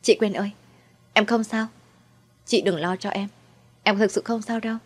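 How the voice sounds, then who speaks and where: A woman voicing a frightened but stubborn young daughter-in-law, in a higher, pleading tone, in a storybook reading. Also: fairly even intonation, normal speed, natural voice. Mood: reassuring.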